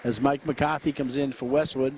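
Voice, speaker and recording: A man calling play-by-play for a high school basketball game, running through quick action with frequent fillers and restarts. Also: fairly even intonation, darkish tone, a little hiss or hum. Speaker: play-by-play announcer.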